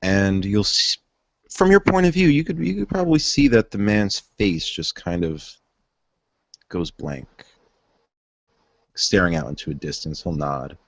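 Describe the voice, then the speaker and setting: A man narrating a tabletop role-play as game master, descriptive and unhurried with filler pauses. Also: deep voice, expressive, gravelly, no room sound, dull audio.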